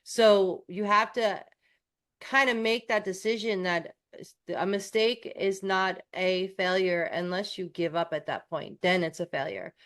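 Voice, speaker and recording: A woman's voice: medium pitch, fairly even intonation, measured pace, a bit bright. Chatty woman podcast co-host from New York. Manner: chatty, self-deprecating, many restarts. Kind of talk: casual podcast chat.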